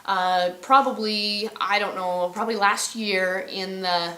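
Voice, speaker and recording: A woman's voice: mid-range voice, fairly even intonation, a little slow, pushed and bright, roomy sound. A woman vlogging from her ranch, telling a story casually and rambling, often correcting herself. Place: outdoors on a ranch.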